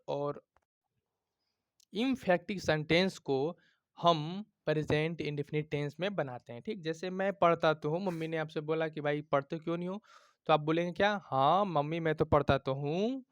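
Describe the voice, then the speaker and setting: A man's voice: on the high side, clear, resonant tone, no room sound. A man teaching a grammar lesson, checking in often with his students and explaining with everyday examples.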